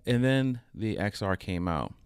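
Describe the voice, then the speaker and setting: A middle-aged man co-hosting a casual podcast, animated and joking, often restarting his sentences. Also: lowish voice, measured pace, smooth, no room sound. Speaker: podcast co-host. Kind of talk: casual chat.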